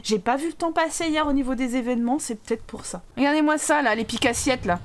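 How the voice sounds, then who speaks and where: A woman giving playful, lively Let's Play commentary as a gaming YouTuber, voicing her game characters' lines. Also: sits high, fast. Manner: lively, playful, voices her Sims' dialogue.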